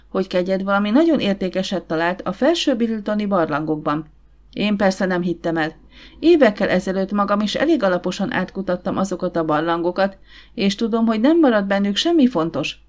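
A woman's voice: mid-range voice, darkish tone, lightly acted. A woman reading the part of a sulky, defensive man caught in a theft, in an audiobook. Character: gruff scholarly man, rival fossil collector.

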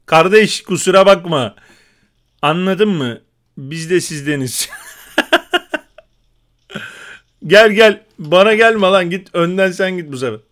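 Young male gamer, high smooth voice, rowdy joking play-by-play. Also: normal speed. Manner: excitable, joking, shouts exclamations while playing. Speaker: gaming YouTuber. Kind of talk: live gameplay commentary.

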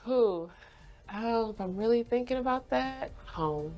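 Here the Haitian-born, Florida-raised brand ambassador, a young adult, answers interview questions in an indoor studio, bubbly and laughing a lot. Her voice is a little high and darkish, animated yet unhurried, over soft background music.

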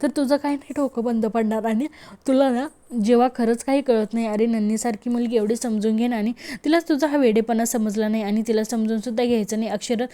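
A woman's voice: fairly high pitch, steady tone, fast, warm tone, lightly acted. A woman voicing an exasperated man who lectures a younger relative, within a narrated serial recap. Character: exasperated male uncle figure, lecturing.

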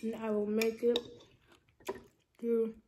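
A woman's voice: on the high side, takes it slowly, background noise. A young woman vlogger chatting casually while eating, her mouth full of soup. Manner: relaxed, rambling, talking while eating. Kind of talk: casual mukbang chat.

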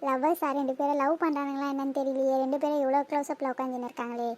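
A woman voicing a quick, teasing schoolgirl Akshaya. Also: high-pitched, flat delivery, darkish tone, natural voice. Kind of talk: cartoon voice acting.

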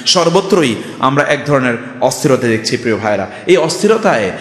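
A man's voice: medium pitch, very animated, moderate pace, a bit bright. An older man from Bangladesh giving a Friday sermon, emphatic, full of rhetorical questions and storytelling. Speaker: preacher. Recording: echoey hall reverb.

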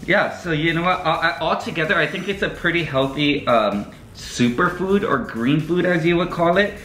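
A man's voice: fairly high pitch, lively intonation, normal speed, bright, forceful tone. Joking, chatty male vlogger. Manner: chatty and joking, with many fillers. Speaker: vlogger host. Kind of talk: casual vlog chat. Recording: echoey room with faint music.

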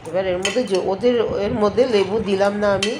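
A woman's voice: mid-range voice, fairly even intonation, quick pace. A middle-aged or older woman with a cold, congested in nose and throat, chattily talking viewers through a recipe step by step. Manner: chatty, homely step-by-step explaining. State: congested with a cold, blocked stuffy nose and throat, speaking with effort. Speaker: home cooking vlogger. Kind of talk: casual recipe narration to viewers. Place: at home while preparing drinks. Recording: noisy kitchen with clinking dishes.

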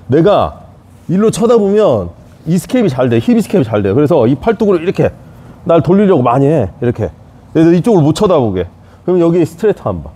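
A man's voice: on the high side, dark tone, slightly rough. A man teaching a jiu-jitsu escape, talking in short repeated cues as he demonstrates on a partner. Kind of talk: hands-on technique demonstration.

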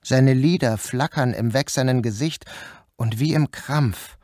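In a radio play, an actor gives medium-pitched, unhurried first-person narration as a troubled man recounting a dreamlike ordeal. His voice stays close to an everyday one, grave and intense in mood. Noise can be heard in the background.

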